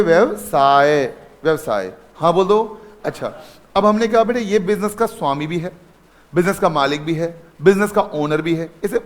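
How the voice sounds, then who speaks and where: A man teaching accounting in a class lecture, often asking questions and repeating the answers himself. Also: high-pitched. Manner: calls students son, asks and repeats answers.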